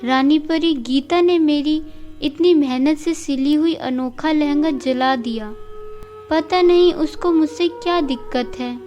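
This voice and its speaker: A woman's voice: high-pitched, measured pace, mellow, soft background music. A woman voicing a kind, hardworking young woman heroine who speaks earnestly. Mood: upset. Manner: earnest and pleading.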